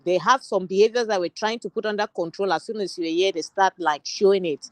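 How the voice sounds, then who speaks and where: A woman's voice: mid-range voice, fairly even intonation, a little fast, no room sound, low-quality recording. A woman from Cameroon, a social worker and guest on an online panel, speaking earnestly and steadily with frequent restarts.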